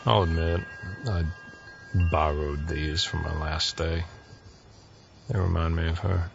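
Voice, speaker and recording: An actor playing a lovelorn, weary man wandering a post-apocalyptic desert in an audio drama, with a gravelly, brooding voice. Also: rumbling low, fairly even intonation, slow pace, over loud music, heavily acted. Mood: wistful longing. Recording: muffled, noisy with night ambience.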